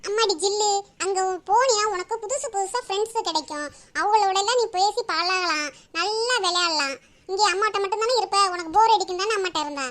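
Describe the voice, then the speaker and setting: A woman's voice: very high-pitched, fairly quick, fairly bright tone. A woman playing a young mother, coaxing and scolding her child.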